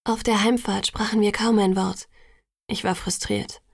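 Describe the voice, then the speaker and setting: A woman narrating a novel in the first person in a measured audiobook reading, lightly lifting her voice for the characters. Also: medium pitch, fairly even intonation, creaky, no echo, studio quality.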